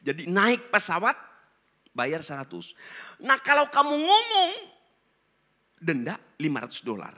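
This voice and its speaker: A male pastor preaching a sermon and telling stories, swinging between loud emphasis and hushed asides. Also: high-pitched, huge pitch swings, measured pace, pauses often.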